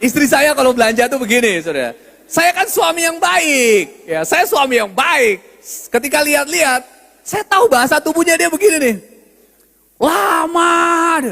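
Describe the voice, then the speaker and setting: A man preaching a humorous, animated sermon as pastor, with a loud, joking delivery. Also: very high voice, fairly quick. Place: church sanctuary. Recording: reverberant church hall.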